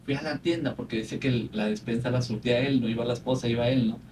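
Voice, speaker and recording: A man, a psychologist, calmly explaining anxiety in a podcast conversation. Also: mid-range voice, fast. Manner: calm, explanatory, retells patients' words. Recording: faint noise, distant from mic.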